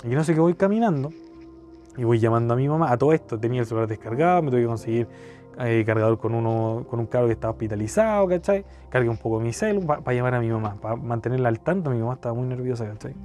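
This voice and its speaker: A young Chilean man with a mellow, medium-pitched voice tells a rambling personal story for a podcast, talking quickly in slangy, casual Chilean Spanish. He keeps saying "cachai," and soft music plays in the background.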